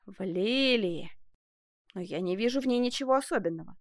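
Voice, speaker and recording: A woman voicing an angry, impatient French king in an audiobook, speaking in loud, commanding demands. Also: mid-range voice, animated, moderate pace, no room sound, studio quality, natural voice. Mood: brooding. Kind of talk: audiobook character voice.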